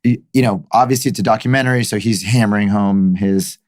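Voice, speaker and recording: A man with a hoarse, raspy voice he is losing, joking around as a doctor co-hosting a casual podcast chat. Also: fairly low pitch, quick pace, dry recording, clean studio sound. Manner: joking, relaxed.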